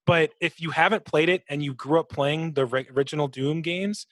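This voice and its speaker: A man with a higher-leaning voice talks fairly quickly as a podcast co-host, keeping the gaming chat casual. He drops swear words freely and does sound-effect impressions, with no room sound in the audio.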